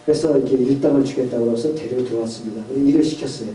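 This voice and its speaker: A man's voice: medium pitch, racing, mellow, echoey room, distant mic, slight background noise, low-quality recording. A male pastor preaching a sermon, telling a parable and asking the congregation questions. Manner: storytelling with questions to the congregation, voicing characters. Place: church sanctuary.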